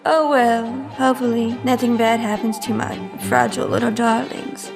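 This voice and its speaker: Heard over music, a woman with a fairly high, steady voice and some vocal fry narrates an audio drama at a normal pace. She plays a teasing, ominous storyteller acting as game master, delivering it all in a mischievous, theatrical way.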